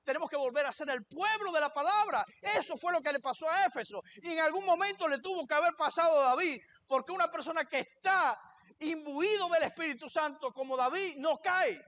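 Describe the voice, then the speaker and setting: Male pastor, very high voice, preaching a sermon in church, asks questions and answers them himself. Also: fairly quick, sharp tone.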